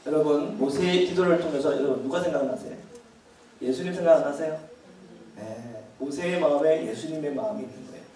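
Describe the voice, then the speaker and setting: A man's voice: fairly high pitch, brisk, mellow, very echoey, distant mic, a little hiss or hum. A man preaching as pastor at a Bible study, talking casually with the congregation, asking them questions and laughing often. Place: church hall.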